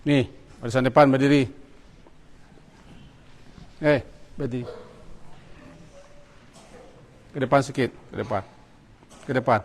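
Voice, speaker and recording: A man with a medium-pitched, steady voice leads students through a practical prayer lesson, using short commands and encouragement. As a religious teacher in a mosque prayer hall, he keeps a measured pace and pauses often, while the hall's long reverb trails his words.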